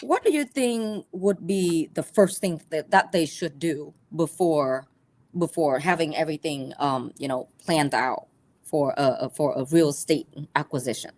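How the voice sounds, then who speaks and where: A woman from Vietnam, teaching a live personal finance class in a halting way full of ums and restarts. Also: sits low, darkish tone.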